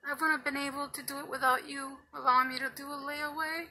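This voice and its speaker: An emotional woman gushing through a casual unboxing vlog, often dropping to a hushed whisper. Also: sits high, level tone, fast, a little hiss or hum, rough recording. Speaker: reborn doll collector.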